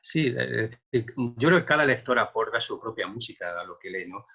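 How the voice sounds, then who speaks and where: A man from Andalusia with a softened Andalusian accent, a poet speaking reflectively and hesitantly in an interview. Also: medium pitch, animated, moderate pace, gravelly, breathy edge, muffled recording. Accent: softened Andalusian Spanish. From Andalusia, Spain. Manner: reflective, hesitant, many repeated words. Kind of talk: remote interview conversation.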